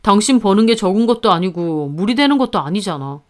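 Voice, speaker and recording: A woman's voice: medium pitch, lively intonation, fairly quick, darkish tone, natural voice. A woman voicing a defensive, condescending husband who needles his wife, in a narrated story. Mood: needling. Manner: needling, accusing.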